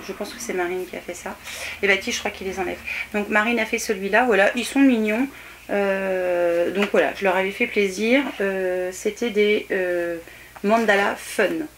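A woman's voice: mid-range voice, fairly bright tone, slight background noise. A woman chatting casually through a shopping haul video, hesitating often as she shows each item. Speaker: vlogger showing a shopping haul.

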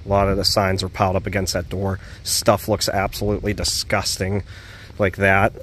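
This urban explorer speaks low and completely flat, at a moderate pace, with a slightly bright tone and a little hiss or hum. Walking around an abandoned store outdoors, he films on a handheld phone camera and comments casually, rambling and thinking aloud with fillers.

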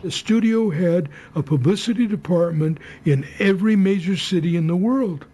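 A man's voice: high-pitched, normal speed, warm tone, slightly rough. An older man speaking in a wry, plain-spoken way in a documentary interview.

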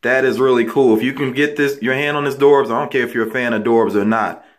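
A man's voice: medium pitch, steady tone, fast talker. A man vlogging about collectibles in casual chat, recorded in an echoing bathroom. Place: small tiled bathroom indoors. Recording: echoey bathroom.

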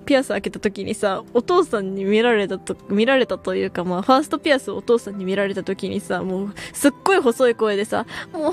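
A young woman streaming as a VTuber, chatting casually and reading viewer comments, laughing often and using slangy speech. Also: medium pitch.

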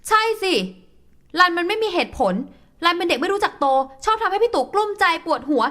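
An impulsive young wife in a radio drama, voiced by a woman. Her high, bright voice carries sarcastic, emotional jabs at her husband. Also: lively intonation, fast talker.

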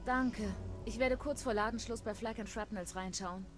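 A woman's voice: mid-range voice, normal speed, over music, lightly acted. An actress playing a frightened former slave woman in a dubbed video game, speaking in a fearful, pleading way.

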